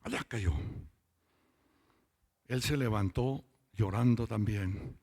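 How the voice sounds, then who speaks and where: Guy giving a testimony sermon, husky gravelly voice, stretches words out to hit them hard. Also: on the low side, darkish tone. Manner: storytelling, drawn-out emphatic words. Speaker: lay preacher giving testimony. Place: church meeting.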